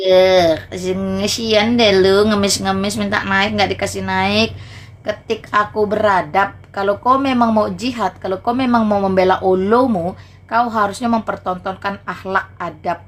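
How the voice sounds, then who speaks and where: A woman at a middle pitch runs a heated livestream, lecturing and mocking the people in her chat. She hammers her points home by saying the same words again and again. A faint background noise lies beneath her voice. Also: fairly even intonation, measured pace. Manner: mocking and taunting, repeats phrases. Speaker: livestream host. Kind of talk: combative livestream preaching.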